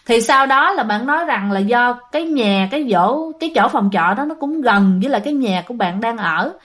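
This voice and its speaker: A woman's voice: fairly high pitch, animated, brisk, fairly bright tone. Chatty Southern Vietnamese woman storyteller. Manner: chatty, addresses listeners directly. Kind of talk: ghost story narration.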